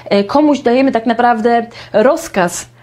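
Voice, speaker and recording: A woman's voice: a little high, moderate pace, darkish tone. Chatty woman teaching English. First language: Polish. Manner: chatty, explains with many fillers and repeated examples. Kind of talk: casual video lesson.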